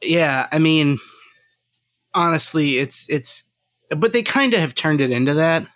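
A man's voice: a little high, animated, a little slow, a bit bright, no room sound. A man co-hosting a podcast in a casual, rambling chat, laughing often and swearing lightly. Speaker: podcast co-host.

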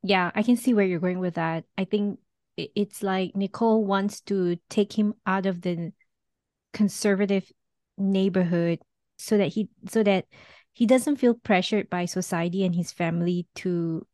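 A woman's voice: mid-range voice, fairly even intonation, moderate pace, dark tone, dry recording. Dry-voiced woman in casual chat. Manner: thoughtful, talks in loose chains with many "like"s. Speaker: podcast co-host.

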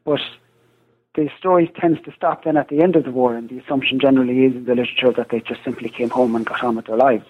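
A man's voice: mid-range voice, fairly even intonation, fast talker, husky, phone-quality sound. A man from Galway with a west of Ireland accent, explaining his research as an interview guest.

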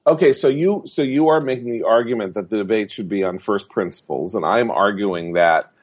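A man co-hosting a podcast, laying out a political argument point by point in a measured way. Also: fairly low pitch, slightly rough. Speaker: podcast co-host. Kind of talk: casual political chat.

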